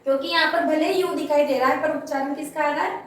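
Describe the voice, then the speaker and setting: A woman with a high voice teaches a grammar class, patiently repeating each point and quizzing her pupils. She is picked up from far off in a very echoey room with a faint hiss underneath. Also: steady tone, quick pace.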